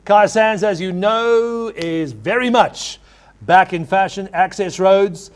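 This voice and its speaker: Calling a live property auction, a high-voiced male auctioneer speaks to bidders formally. As he asks for offers, he repeats the figures in a quick chant while taking bids.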